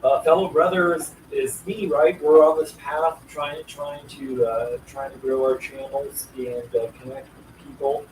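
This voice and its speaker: A man hosting a casual live stream, rambling through upbeat shout-outs to his viewers. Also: medium pitch, steady tone, measured pace, few pauses. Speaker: livestream host. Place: roadside station, partly outdoors. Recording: roomy, distant, noisy live stream.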